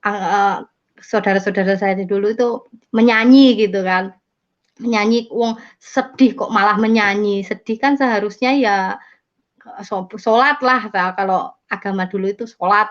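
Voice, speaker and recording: A woman's voice: mid-range voice, fairly even intonation, moderate pace. A woman casually telling her conversion testimony, rambling with many fillers and self-corrections. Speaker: testimony speaker. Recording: dull lo-fi sound.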